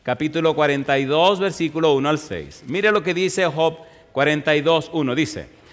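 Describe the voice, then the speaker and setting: A male pastor preaching a sermon, telling stories and putting rhetorical questions to the congregation, growing louder and slower on scripture. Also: a little high. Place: church. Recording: long reverb of a large hall.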